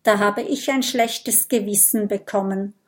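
A woman's voice: mid-range voice, steady tone, unhurried, lightly acted. A woman voicing a polite, sensible young female porcupine in a children's audiobook. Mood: matter-of-fact. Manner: polite, matter-of-fact.

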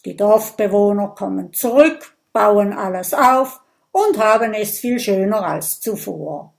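A woman's voice: medium pitch, a little slow, vocal fry. Brief: woman playing happy-go-lucky Viking man, audiobook. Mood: cheerful. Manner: jolly, cheerful. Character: cheerful boastful male Viking warrior.

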